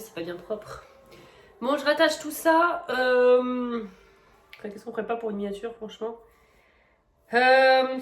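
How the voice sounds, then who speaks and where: Middle-aged woman vlogger, slightly high voice, casual rambling chat full of fillers. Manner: chatty, rambling with many fillers. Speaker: coloring vlogger.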